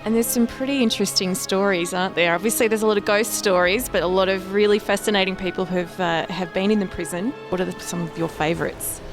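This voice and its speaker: A woman's voice: mid-range voice, fairly even intonation, fast, hardly any pauses. A woman hosting a television interview, putting questions in a conversational style. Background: music.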